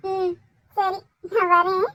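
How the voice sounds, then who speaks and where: A woman voicing a shy, polite young village woman in a cartoon, speaking hesitantly and softly. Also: very high-pitched, level tone, slow, dry recording, heavily acted. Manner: hesitant, soft-spoken. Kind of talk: cartoon voice acting.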